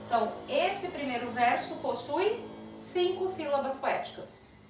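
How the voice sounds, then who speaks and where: A woman's voice: high-pitched, lively intonation, unhurried, faint music behind. A Brazilian Portuguese-speaking woman teaching a remote literature class, explaining step by step and checking in with her students. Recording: echoey room, mic at a distance.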